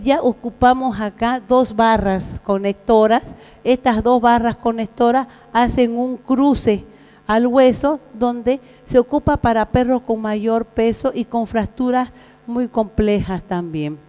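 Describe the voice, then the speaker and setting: A Bolivian woman lecturing at a conference, her voice fairly high yet mellow and soft-edged. She speaks haltingly, stopping to restart phrases and filling gaps with small hesitations. The sound carries a long hall reverb with a low mains hum underneath. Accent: Bolivian Spanish. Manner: halting, frequent fillers and restarts. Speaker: veterinary surgeon lecturer.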